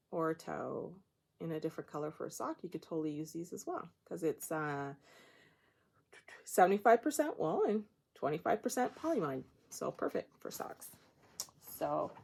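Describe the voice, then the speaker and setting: A woman in her thirties from Nova Scotia, chatting through a show-and-tell of her crafts. Her voice sits low with a gravelly, fry-tinged edge. She rambles a little and laughs at herself as she goes. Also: a little mellow, slight background noise. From Nova Scotia, Canada. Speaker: craft podcast host. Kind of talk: casual show-and-tell chat.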